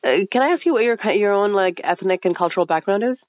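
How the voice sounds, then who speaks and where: A woman's voice: mid-range voice, quick pace, dry recording. A woman hosting a podcast, asking questions in a curious, enthusiastic, casual interview manner. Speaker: podcast host. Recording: tinny phone-like line, dry.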